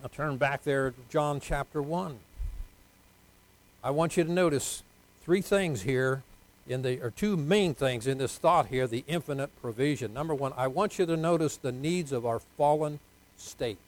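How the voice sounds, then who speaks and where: An older man preaching a folksy sermon, joking with the congregation, dropping to quiet asides and rising to loud, drawn-out emphasis. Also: medium pitch, poor audio. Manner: jokes with the congregation, asks for amens.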